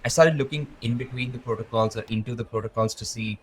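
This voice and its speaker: A man's voice: mid-range voice, fast, slight background noise, low-quality recording. A man being interviewed as a guest, explaining crypto data in a fluent, methodical way and listing items one after another. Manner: fluent, methodical, rattles off lists. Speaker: guest, crypto research lead.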